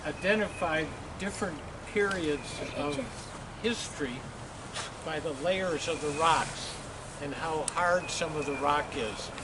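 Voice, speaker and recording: An adult nature guide leads a school hike by a lake, speaking unhurriedly and patiently in simple words for young children. The voice sits at a middling pitch. Loud outdoor noise runs beneath it. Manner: slow, patient, simple explanations with fillers. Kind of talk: explaining to young children on a field trip. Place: outdoors by a lake and rock outcrop.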